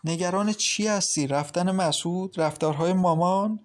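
A man voicing a cheerful teenage schoolgirl who comforts her sister-in-law in a lively, reassuring way in an audiobook. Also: high voice, pitched above the performer's own voice, natural voice.

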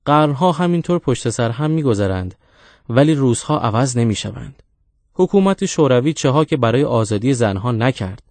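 A man voicing a crude, mocking ancient witch woman, with a shrill screech that climbs higher, in a storybook reading. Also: expressive, a little mellow, no room sound, natural voice. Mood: scornful.

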